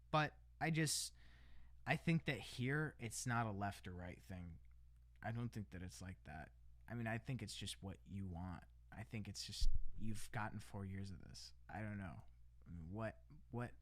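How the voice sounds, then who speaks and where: A man's voice: on the low side, a bit bright, no room sound, clean studio sound. Rambling man chatting on a livestream. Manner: rambling, restarts often, says "bro" and "man"; laughs between lines. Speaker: livestream host. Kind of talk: casual livestream chat.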